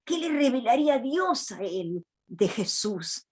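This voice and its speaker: A woman's voice: a little high, big pitch swings, slow, breathy edge. A woman preacher giving a sermon in a church, retelling a Bible story in a reflective, earnest way.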